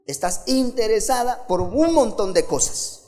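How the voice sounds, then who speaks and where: A man's voice: sits high, lively intonation, a little slow, dark tone. A man preaching a sermon, talking expressively and asking his listeners rhetorical questions.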